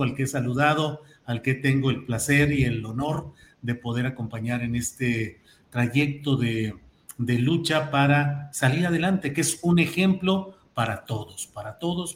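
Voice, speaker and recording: A man with a Mexican accent hosting an interview, effusive and wordy with formal courtesy. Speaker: program host. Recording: roomy echo, faint rumbling noise.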